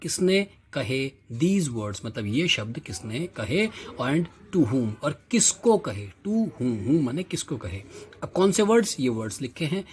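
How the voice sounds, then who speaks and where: An Indian man with a medium-pitched voice teaches an English lesson for children, explaining it in Hindi. He reads each English line slowly and then goes through it at a patient pace. A faint hum of room noise sits behind him. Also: sing-song.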